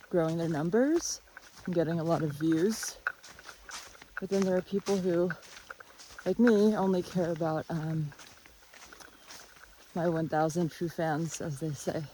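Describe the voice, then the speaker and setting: Someone musing aloud in a halting, casual way while walking through the jungle with a phone on a selfie stick. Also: medium pitch, warm tone, low-quality recording. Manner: unhurried, musing, halting delivery. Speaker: vlogger. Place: outdoors in the jungle by a river. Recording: outdoor phone audio with faint natural noise.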